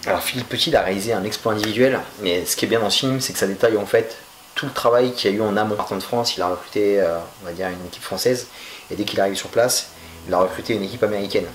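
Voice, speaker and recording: A man's voice: on the low side, fast talker, slight background noise, low-quality recording. A man giving a casual, chatty and slangy film review, full of jokes. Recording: music playing under voice.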